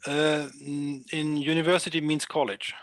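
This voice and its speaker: A man's voice: fairly high pitch, level tone, normal speed, no echo. A man whose first language is German, interviewing a guest with hesitant questions full of filler sounds.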